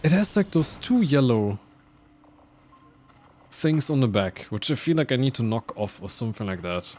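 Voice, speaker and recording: A man streaming a game live, chatting through his play in an animated, casual way. He swears freely and laughs at his own mishaps. His voice sits at an ordinary middle pitch over a faint hum of background noise. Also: normal speed. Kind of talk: live gaming commentary.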